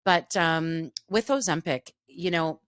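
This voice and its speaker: A woman's voice: fairly low pitch, slow, a bit bright, dry recording, studio quality. A woman co-hosting a casual podcast chat, talking openly with lots of fillers and restarts. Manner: chatty, frequent fillers and restarts. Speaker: podcast co-host.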